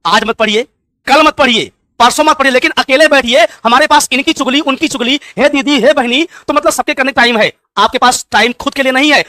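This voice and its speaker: A man's voice: very high-pitched, fairly quick, pushed and bright, no room sound, clean studio sound. A man who teaches exam aspirants, giving a fervent motivational speech full of rhetorical questions, repeated commands and rhyming proverbs.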